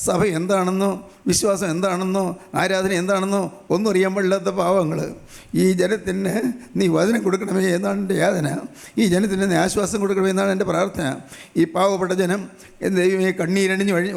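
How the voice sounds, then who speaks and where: An older male preacher delivering a fervent evangelistic sermon at a brisk clip. His voice sits high for a man and stays level in pitch. He builds his points from short, rhythmic repeated phrases and leads his listeners through a prayer line by line. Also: vocal fry. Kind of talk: evangelistic sermon with altar call.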